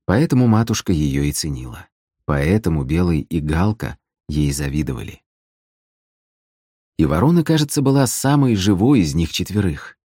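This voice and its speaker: A man reads a fantasy audiobook in a measured, even way. His voice is deep and low. The recording is dry and close, with no room sound. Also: dry recording. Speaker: audiobook narrator.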